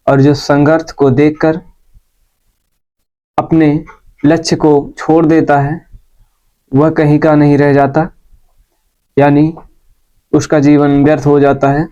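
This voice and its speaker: Male grammar teacher, slow and deliberate, mellow tone, dull lo-fi recording. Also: on the high side. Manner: slow, deliberate, repeats points for students. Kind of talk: classroom lesson. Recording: dull lo-fi sound.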